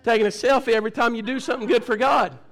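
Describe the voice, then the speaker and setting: A male pastor preaching a fervent sermon, calling out to his congregation and swinging between shouting and hushed low talk. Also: fairly even intonation, racing. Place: church service.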